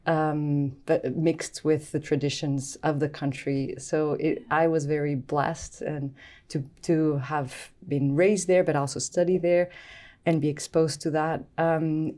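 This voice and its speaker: A middle-aged woman from Portugal with a Portuguese accent, a guest scientist talking thoughtfully in a podcast interview, with many pauses and ums. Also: low voice, dark tone. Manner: thoughtful, hesitant with frequent ums.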